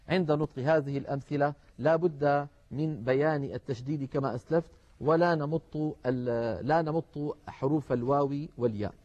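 A man's voice: medium pitch, lo-fi sound. Man teaching Quran recitation rules. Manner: explains calmly, stretches example words slowly. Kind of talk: televised tajweed lesson.

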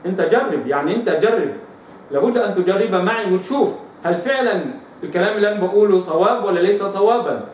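A man with an Egyptian accent teaching Quran recitation, repeating letter sounds slowly and often as drills. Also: high voice, animated, darkish tone, very echoey, far from the mic, slight background noise, low-quality recording. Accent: Egyptian Arabic. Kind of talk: tajweed lesson with drills.

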